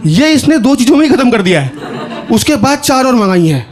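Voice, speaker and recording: A young man doing stand-up comedy, telling an animated, conversational story with asides to the audience on a stage. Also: very high voice, fairly quick. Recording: live show with crowd laughing. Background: audience laughter.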